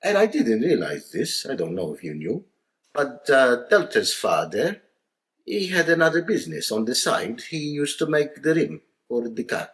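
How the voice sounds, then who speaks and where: A man co-hosting a family travel vlog, telling stories and jokes in a playful, deadpan way. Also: mid-range voice, normal speed. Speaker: co-host, joke teller. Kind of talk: casual chat and joke telling.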